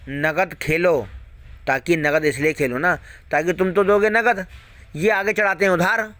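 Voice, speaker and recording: A video host warns viewers in a heated, heavily profane rant delivered straight at them, repeating his points and firing off rhetorical questions. His voice is fairly high-pitched and a bit bright, and the monologue is openly angry.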